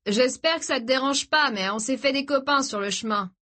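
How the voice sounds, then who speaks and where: A woman's voice: high voice, fairly quick, bright, forceful tone, voice pushed up. A woman narrator voicing a small, scruffy man calling out casually.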